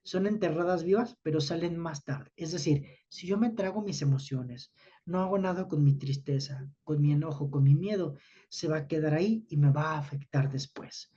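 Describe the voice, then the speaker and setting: A man's voice: a little high, normal speed, dark tone, breathy edge, lo-fi sound. A man, teaching students about emotions in an explanatory talk, often checking in with his listeners.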